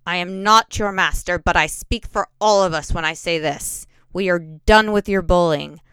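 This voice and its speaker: A woman voicing a stern, fed-up male mage master who speaks firmly and formally, with a smooth voice that has a touch of gravel. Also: high-pitched, normal speed, bright, forceful tone, no echo.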